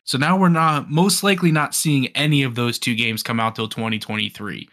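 A young man co-hosting a casual gaming podcast, talking excitedly and rambling with frequent restarts. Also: medium pitch, fairly quick. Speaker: podcast co-host. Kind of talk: casual gaming news chat.

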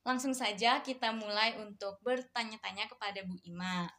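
A woman hosts an interview, asking her guest questions in a chatty, friendly way. Her voice is bright and forward at a middling pitch. A faint noise sits under the recording. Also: steady tone, moderate pace. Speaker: interview host. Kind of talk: casual interview hosting.

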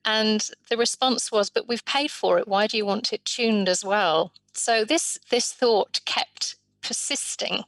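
A woman voicing a guest's life story in an interview, in measured, drawn-out phrases. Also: medium pitch, fairly bright tone, dry recording.

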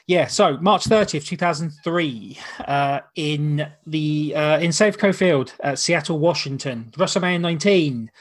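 Higher-voiced man hosting a casual podcast. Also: unhurried, hardly any pauses. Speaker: podcast host. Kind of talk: casual watch-along chat.

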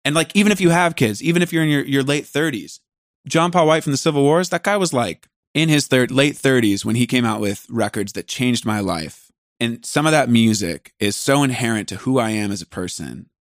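A man's voice: medium pitch, animated, fairly quick, dry recording, clean studio sound. A man hosting a podcast, talking casually in a rambling, self-deprecating way that jumps between thoughts. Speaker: podcast host and musician.

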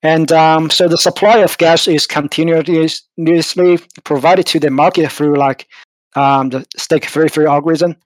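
A man's voice: fairly high pitch, fairly even intonation, unhurried, no echo, rough recording. A man on a crypto community call, explaining a token design in a hesitant way with many fillers. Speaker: project team member explaining tokenomics. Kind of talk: casual AMA explanation.

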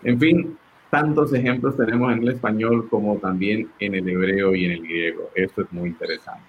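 A man's voice: fairly low pitch, fairly even intonation, normal speed, narrow, tinny audio, slight background noise. A male pastor in a conversational Bible study discussion, often asking "right?" as he talks. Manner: conversational, uses fillers and tag questions.

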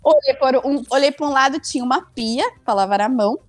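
A woman's voice: high voice, fast, dry recording, faint music behind. A young woman tells a funny story casually, acting out her own lines. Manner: animated, acts out her own past lines.

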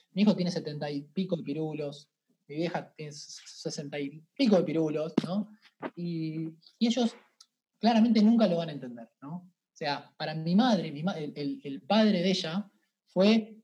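A man with an Argentine accent, a guest telling stories in a casual interview, animated and colloquial with frequent restarts. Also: a little high, a little hiss or hum. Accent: Argentine Spanish.

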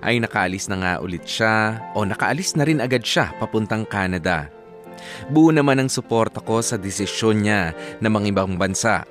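A male actor voices a devoted husband and father telling his story as a letter in a radio drama. His lowish voice is measured, sincere and resigned. Faint music runs underneath. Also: natural voice. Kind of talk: scripted first-person letter narration in radio drama.

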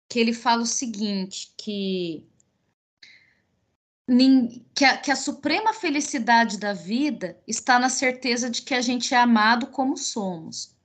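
A woman from Paraná with a Minas Gerais touch in her Brazilian Portuguese, a teacher hosting an educational podcast in a reflective way with frequent restarts. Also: a little high. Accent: Brazilian Portuguese with Minas Gerais traits. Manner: reflective, speaks in repeated restarts. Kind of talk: casual educational podcast chat.

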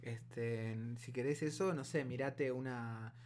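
A man with a Buenos Aires accent co-hosts a casual podcast. His talk is colloquial and meanders, with halting turns, at a middling pitch. There is clear background noise and a hum on the recording. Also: steady tone, darkish tone. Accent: Buenos Aires Argentine Spanish. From Buenos Aires, Argentina. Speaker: podcast co-host.

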